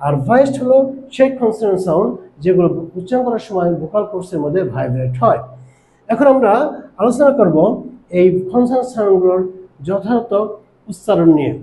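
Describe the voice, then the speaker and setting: A male teacher with a Bangladeshi accent explains pronunciation slowly, step by step, pausing often with "ah" fillers. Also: high voice, expressive, dark tone, roomy sound, a little hiss or hum, poor audio. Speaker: English teacher. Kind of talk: pronunciation lesson.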